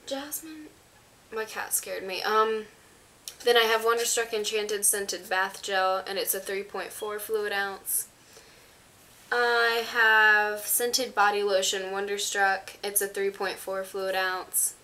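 A congested teenage girl who's feeling unwell vlogs from her small bedroom, casually rambling as she shows off items to a camera on a stand in front of her. She speaks slowly in a mid-range voice that is steady yet sharp.

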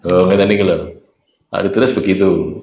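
A man's voice: deep voice, fairly even intonation, a little fast, a little mellow, reverberant. A man with a Javanese accent teaching Quran reading at a religious study, explaining patiently and chanting letters aloud. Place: mosque.

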